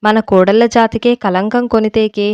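Woman reading as a timid young wife, anxious, pleading, smooth voice, dry sound. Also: mid-range voice, steady tone, moderate pace, a little mellow, no room sound, highs cut off, natural voice.

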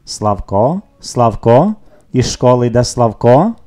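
A man voicing a clever, friendly grey parrot with a rattly, crackling voice that repeats words loudly. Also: medium pitch, big pitch swings, takes it slowly. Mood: excited. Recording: soft music behind the reading.

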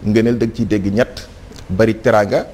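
A man's voice: on the low side, fairly even intonation, moderate pace, darkish tone, husky. A young man, a TV pundit giving formal, flowing greetings on a talk show. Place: TV studio set.

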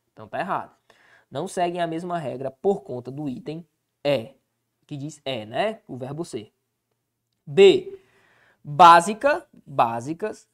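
A Brazilian woman teaching an exam-prep lesson, checking in often with quick rhetorical questions. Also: low-pitched.

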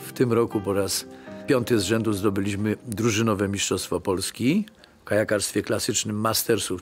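Lowish-voiced mature man over music. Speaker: kayak club member. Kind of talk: documentary interview.

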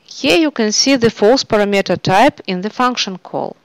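A woman narrating a software screencast tutorial in a steady instructional way. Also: medium pitch, normal speed, no echo, low-quality recording.

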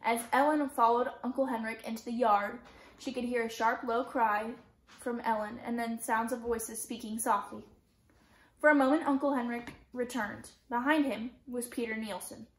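A woman teacher reads a novel aloud, keeping a steady, gentle storytelling pace. Her voice sits a little high. The recording has a roomy echo. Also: moderate pace.

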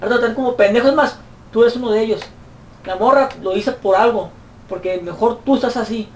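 A man with a Mexican accent, a YouTuber answering fan questions in a profane, mocking comic rant. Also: a little fast. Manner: profane, mocking, shrill put-on voices when quoting. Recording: roomy echo, distant mic, faint noise.

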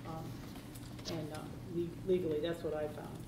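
Woman, board member, lower pitch, meandering earnest speech; distant roomy recording with steady hiss. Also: normal speed. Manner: rambling, restarts often, earnest. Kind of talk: meeting discussion. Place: meeting room. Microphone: far room mic. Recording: echoey, distant, hissy.

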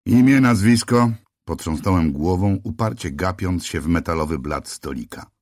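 A man's voice: low voice, moderate pace, a little mellow, no echo, clean studio sound. A man narrating an audiobook in the first person, with a tense, brooding delivery.

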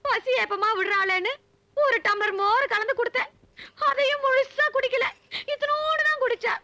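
A woman's voice: extremely high pitch, normal speed, sharp tone, no room sound, exaggerated voice. An actress playing a scheming village mother who wails and pleads in a film scene. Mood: wailing.

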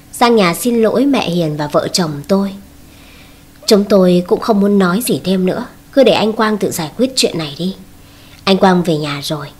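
A woman storyteller reading a family drama aloud in a steady, even, scripted narration. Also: lowish voice, breathy edge.

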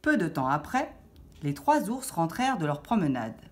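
Lady reading a kids fairy tale, lively voice going up and down, lowish. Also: moderate pace. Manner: expressive, animated storytelling. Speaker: storyteller. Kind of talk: children's story reading.

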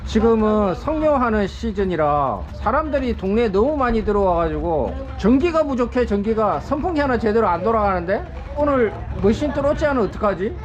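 A man's voice: sits high, big pitch swings, brisk, few pauses. A middle-aged man from South Korea chatting casually as a vlogger, rambling and often muttering to himself. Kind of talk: casual vlog chat and narration. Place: busy rural family home in Cambodia. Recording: muffled, crowd chatter around.

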